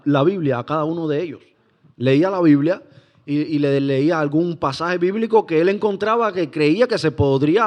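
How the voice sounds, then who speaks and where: Male panelist, high-pitched, anecdotal, voices the people in his stories. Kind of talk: panel discussion.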